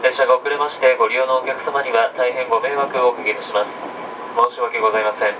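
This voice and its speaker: Guy doing train conductor announcements, formal and polite, far from mic, lots of carriage rumble. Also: steady tone. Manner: measured, formulaic and polite. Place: inside a moving train carriage. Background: train running noise.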